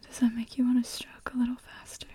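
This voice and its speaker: A woman in an intimate, erotic whispered ASMR role-play for one adult listener, breathy and halting, speaking right in the ear. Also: a little high, completely flat delivery, dark tone, dry recording. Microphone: very close microphone, dry.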